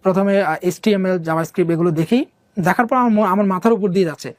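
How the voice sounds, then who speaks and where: A young man from Bangladesh tells his own life story in a loose, rambling way, full of fillers and English words, at a brisk pace. His high voice is a little mellow, and the recording is dry and close with no room sound, like casual conversational storytelling.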